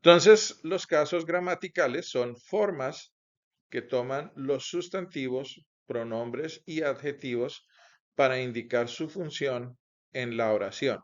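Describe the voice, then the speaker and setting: A man teaching a grammar lesson, explaining slowly and carefully, with many small connecting words. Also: mid-range voice. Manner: slow, careful explaining with frequent "pues" and "entonces". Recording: dull lo-fi recording.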